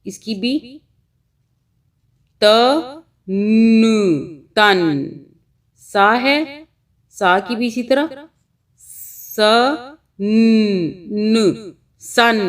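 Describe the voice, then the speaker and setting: A woman with a Pakistani Urdu accent teaching Quran reading online, patiently repeating each sound. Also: fairly high pitch.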